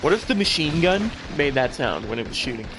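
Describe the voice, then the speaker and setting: A man's voice: on the high side, very animated, fairly quick, background noise. A young man giving casual gameplay commentary as a channel host, rambling and loose with lots of filler words and the odd swear.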